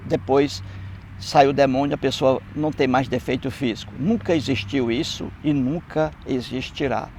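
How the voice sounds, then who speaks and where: A man's voice: medium pitch, a little mellow, a little hiss or hum. A Brazilian man giving scornful, mocking commentary on Bible passages, repeating phrases for emphasis. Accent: Brazilian Portuguese. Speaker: atheist commentator.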